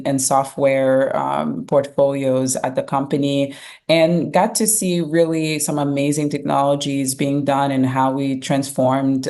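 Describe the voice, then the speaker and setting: Interview guest: middle-aged woman from Haiti, low voice, measured, thoughtful, lots of fillers. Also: a little mellow. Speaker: guest, fintech founder and CEO. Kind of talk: conversational interview answers.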